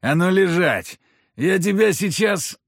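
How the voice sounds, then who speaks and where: A man voicing a drunk, loutish young nobleman's son who slurs, boasts and threatens loudly in an audiobook. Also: sits high, lively intonation, slow pace, no echo, clean studio sound, voice pushed up, heavily acted. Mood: drunken yelling. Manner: slurred bellowing, boastful and threatening.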